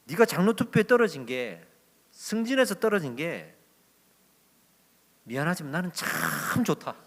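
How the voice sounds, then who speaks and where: A male pastor voicing Jesus, who speaks calmly in a fatherly, reasoning way. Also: on the high side, normal speed, in a large hall, voice pushed up. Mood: gentle. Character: patient, gently correcting Jesus, male.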